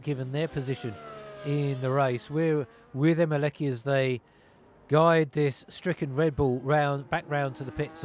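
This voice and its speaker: A man with a fairly high voice commentates an online racing league over a headset, working steadily through positions, tyre choices and penalties. A faint hum of ambience sits behind him. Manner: steady play-by-play, calling positions and tyre strategy. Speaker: lead commentator.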